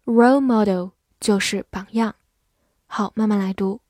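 A woman whose first language is Mandarin teaches English vocabulary from a script. She spells words letter by letter and reads example sentences slowly. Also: mid-range voice, steady tone, dark tone, no echo, clean studio sound. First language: Mandarin Chinese.

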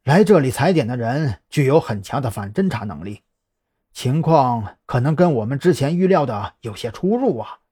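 A seasoned, careful police officer, as a man reads him aloud in an audiobook story. He speaks briskly and practically, with a reassuring tone. His voice is husky and his pitch moves lively. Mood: wary.

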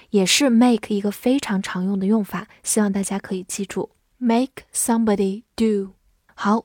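A woman teaching English vocabulary, spelling out words letter by letter and reading example sentences slowly. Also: medium pitch, a little mellow, no room sound, clean studio sound. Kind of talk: vocabulary lesson.

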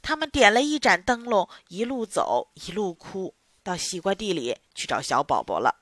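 Expressive sing-song female storyteller. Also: medium pitch, moderate pace, dry recording, studio quality. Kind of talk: children's bedtime story narration.

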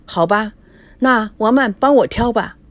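A woman voicing a sulky young bride in an audiobook, plaintive and a little higher than her narration. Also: a little slow, no room sound. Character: sulky young bride, quick to take offense.

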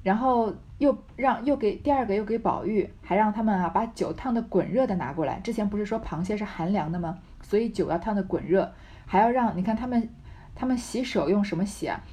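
A woman's voice: medium pitch, lively intonation, fairly quick, mellow. Chatty woman explaining a classic novel. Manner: casual and chatty, asks rhetorical questions.

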